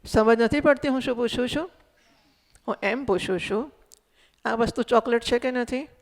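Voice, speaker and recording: Gravelly-voiced woman teaching in a hall. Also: a little high, moderate pace. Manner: questions the listeners, explains patiently with examples. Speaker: spiritual teacher. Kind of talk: Vedanta discourse. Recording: echoey hall recording.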